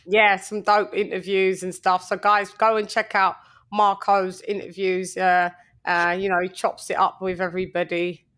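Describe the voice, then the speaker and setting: A woman's voice: mid-range voice, little pitch movement, normal speed, a bit bright, smooth. A British woman hosting a casual boxing live stream, playful and rambling, full of fillers and little sing-song asides. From United Kingdom. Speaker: host.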